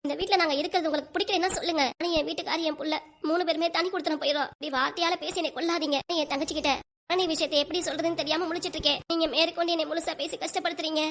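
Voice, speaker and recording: Brief: woman voicing a hurt cartoon daughter-in-law, bright rapid pleading. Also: high-pitched, steady tone. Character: wronged tearful young daughter-in-law.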